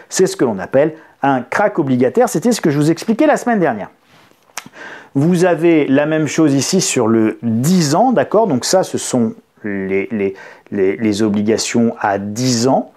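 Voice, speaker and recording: A man talks his viewers through finance with a swinging, animated voice that rises and falls freely. His tone is warm and mellow, and he sits a little high for a man. He teaches like an explainer-video host, breaking in with playful asides and little sound effects. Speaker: economics channel host. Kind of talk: explaining finance to an online audience.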